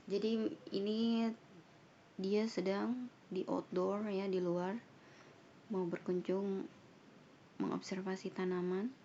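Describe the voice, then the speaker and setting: A woman teaching an online English lesson who reads each line slowly and then translates it. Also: medium pitch, level tone, warm tone. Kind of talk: online English lesson, reading dialogues aloud. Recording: dull lo-fi sound with faint noise.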